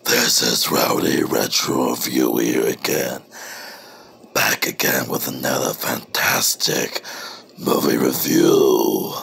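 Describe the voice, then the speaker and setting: Theatrical horror-host figure: ominous, gravelly whisper, extremely slow. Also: male voice, a bass voice, fairly even intonation, fairly bright tone, pitched below the performer's own voice, exaggerated voice. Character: creepy male horror host, menacing. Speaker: reviewer. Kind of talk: spooky horror-host intro.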